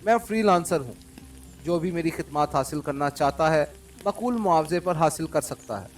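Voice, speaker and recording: A man reading an audiobook, voicing a calm, coldly commanding male secret agent, recorded from a distance over faint music. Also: a little high, moderate pace, lightly acted. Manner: calm and cold, mocking laughter.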